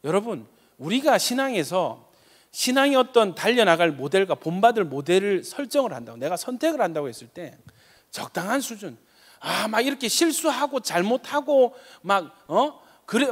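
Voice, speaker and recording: A male pastor preaching a sermon with passion, swinging from loud emphatic peaks to soft quiet asides. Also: sits high, sing-song, normal speed. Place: church sanctuary. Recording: long reverb of a church sanctuary.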